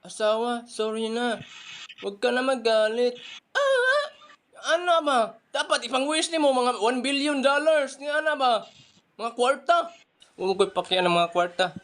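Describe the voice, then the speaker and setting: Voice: medium pitch, big pitch swings, normal speed, fairly bright tone. Give me a comedian playing every role in a skit. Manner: switches between put-on voices. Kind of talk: one-person comedy skit, playing several parts.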